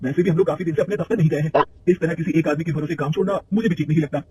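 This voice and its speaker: A man's voice: on the high side, very fast, mellow, recorded from a distance, slight background noise, close to an everyday voice. A man voicing a good-natured young husband in a cartoon story, easygoing and reassuring.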